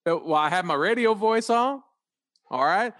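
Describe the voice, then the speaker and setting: Flustered rambling man, lively pitch. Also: moderate pace, no echo, studio quality. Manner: rambling, flustered, slips into a put-on radio announcer voice. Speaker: comedy podcast cast member. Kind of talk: improvised comedy banter.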